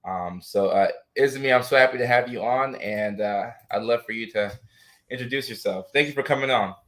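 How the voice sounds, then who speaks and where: Hosting a live talk show, this man chats with his guest in a casual, supportive way, effusive and validating. His medium-pitched voice is fairly quick and a bit bright, but strained, showing some vocal trouble.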